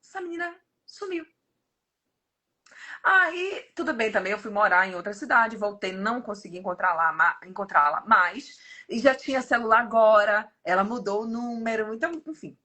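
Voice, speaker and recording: A woman's voice: a little high, normal speed. A woman in her fifties with a Brazilian Portuguese accent gives a casual devotional talk, often turning to her listeners as "gente". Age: 50s. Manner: animated, often turns to the audience as "gente".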